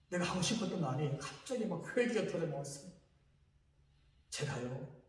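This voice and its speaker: A middle-aged man preaches as a pastor, recounting a personal testimony with emotional, shifting intensity. His voice sits high and swings widely in pitch. The sound is heard from a distance, washed in heavy church-hall reverb. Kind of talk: sermon testimony.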